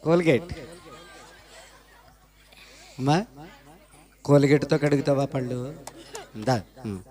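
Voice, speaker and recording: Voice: medium pitch, steady tone, slow, dark tone. An adult Sabbath school teacher emceeing a church children's program, encouraging the children and calling for applause.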